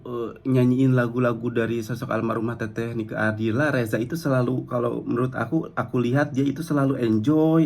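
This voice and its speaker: A man's voice: medium pitch, a little mellow. A young man giving casual reaction commentary on a cover song, rambling and full of fillers as he praises the singer. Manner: rambling, frequent "eh" fillers and "gitu" tags, enthusiastic praise. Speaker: music reaction vlogger.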